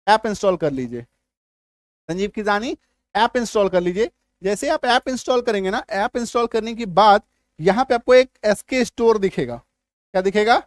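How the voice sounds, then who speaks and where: A man with a notably high voice teaches English pronunciation on a video channel. He keeps checking that viewers follow along and punches out key sounds loudly before easing back. The recording is close and dry, with no room sound. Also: dry recording. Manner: repeats "ठीक है?" and "है ना?" to check understanding; stresses key sounds loudly, then drops back to conversational. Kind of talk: YouTube English lesson.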